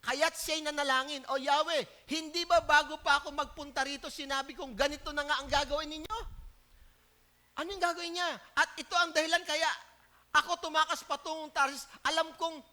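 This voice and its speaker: A man with a Filipino accent preaching a sermon as pastor, animated, reading Bible verses in English and explaining them in Tagalog. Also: extremely high pitch, brisk. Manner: acts out indignant quotes in a raised, whiny voice.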